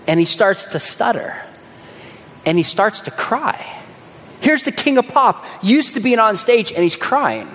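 Animated preacher in an echoey hall. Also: male voice, high voice. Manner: dramatic storyteller, dropping to a hush on key words. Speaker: pastor. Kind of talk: sermon.

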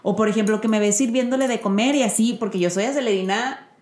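Woman host, lively storyteller. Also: a little high, fast talker, slight background noise. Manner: lively storyteller who acts out quoted voices. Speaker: podcast host. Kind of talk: casual interview chat. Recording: roomy echo.

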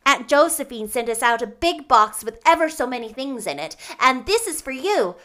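A woman's voice: sits high, sing-song, bright, forceful tone, voice pushed up, full character voice. A woman as an eager, breathless young girl. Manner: breathless, hurried. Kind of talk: storybook narration character voice.

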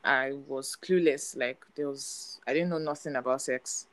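A woman's voice: a bass voice, fairly even intonation, a little slow, rough recording. A young woman co-hosting a casual podcast chat, talking in a chatty, storytelling way. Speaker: podcast co-host.

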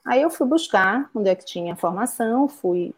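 A woman's voice: a little high, lively intonation, normal speed. A middle-aged woman with a Bahian accent, a pilates instructor and physiotherapist, chatting as a guest and telling stories with many asides. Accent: Bahian Portuguese. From Bahia, Brazil. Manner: talkative, storytelling with asides. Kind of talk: casual conversation.

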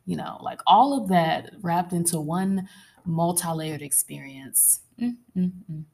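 A woman with a sultry voice hosting a casual, candid solo podcast, conversational and expressive, drawing out words for emphasis. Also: fairly low pitch, measured pace, creaky. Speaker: podcast host.

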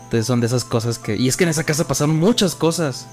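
On a podcast he co-hosts, a young Mexican man with a Mexican accent casually and animatedly tells a ghost story, acting out its voices and quotes. He talks fast in a mid-range voice, with faint music behind him.

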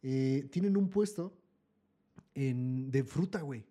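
Mellow-toned young Mexican man, rambling. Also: mid-range voice, animated, slow pace. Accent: Mexican Spanish. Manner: rambling anecdotes peppered with slang fillers. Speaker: podcast co-host. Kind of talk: casual chat.

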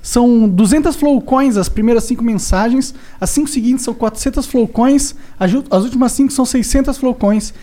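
Man, 30s, Brazilian accent, very high voice, relaxed slangy podcast host. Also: brisk, few pauses. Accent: Brazilian Portuguese. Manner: easygoing, slangy. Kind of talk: casual chat.

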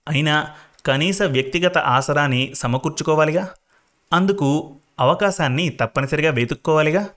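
A man voicing a calm, self-assured young male job candidate who speaks casually and easily. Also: fairly high pitch, moderate pace, natural voice. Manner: easygoing, casual with English words.

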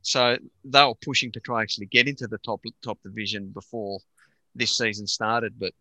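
An Australian-raised man talking football in a lively panel chat, emphatic and animated. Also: lowish voice, brisk, dry recording, low-quality recording. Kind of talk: casual sports chat.

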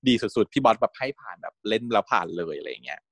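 A man co-hosting a podcast, chatting casually about a TV series, animated and laughing often. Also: on the low side, fast, no room sound, clean studio sound. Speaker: podcast co-host. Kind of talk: casual chat reviewing a TV series.

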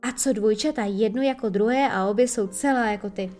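A woman's voice: fairly high pitch, a little mellow, soft background music, lightly acted. Female reader as Wendy: girl playing mum, sweet-to-cool, slightly raised voice. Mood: coaxing. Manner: sweet, then icy.

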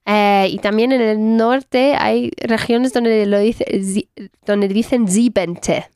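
A woman gives a one-on-one German lesson. She speaks slowly and patiently, praising and correcting pronunciation. The sound is dry and close. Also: a little high, steady tone, a little mellow, clean tone, no room sound. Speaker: German language teacher.

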